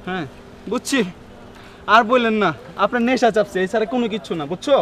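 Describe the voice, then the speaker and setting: A man's voice: very high-pitched, fast. A man playing a sarcastic young man who taunts a friend.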